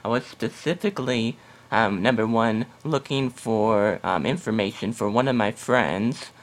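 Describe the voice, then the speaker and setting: A man's voice: on the low side, a little slow, close to an everyday voice. A man voicing a chatty, skeptical female customer on a prank phone call, hesitant and exclamatory. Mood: hesitant, polite. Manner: hesitant, exclamatory, calls the listener honey.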